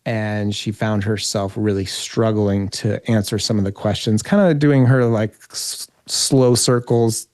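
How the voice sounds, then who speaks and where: A man's voice: lowish voice, fairly even intonation, a little slow, few pauses, darkish tone, dry recording. Man giving political commentary, dry close sound. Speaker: interview guest, political commentator. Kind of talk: conversational political analysis.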